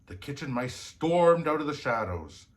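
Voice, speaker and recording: A man's voice: medium pitch, very animated, pitched above the performer's own voice, close to an everyday voice. A man playing a jolly old Santa Claus, telling children's stories in a hearty, theatrical manner. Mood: storytelling wonder. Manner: slow, hearty, theatrical delivery. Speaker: storyteller host. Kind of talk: cheerful children's storybook reading.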